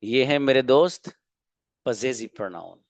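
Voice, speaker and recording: A man's voice: medium pitch, expressive, a little slow, no room sound. A man giving an online English grammar lesson. He explains patiently, repeats phrases and keeps checking that his students follow. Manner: drawls English example sentences word by word. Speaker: English teacher.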